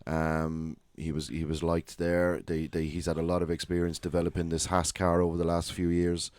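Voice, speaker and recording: A man's voice: deep voice, monotone, normal speed, darkish tone, clear, resonant tone, dry recording. A man co-hosting a casual motorsport podcast, thinking aloud and often repeating his words. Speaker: podcast co-host.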